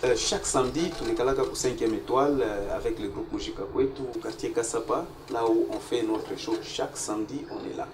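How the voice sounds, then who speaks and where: Here a guest artist in his 40s talks through his plans at length in a relaxed interview, sprinkling in Swahili words. He has a medium-pitched voice, speaks fairly quickly with hardly any pauses, and is recorded on a distant mic in a noisy, echoing room.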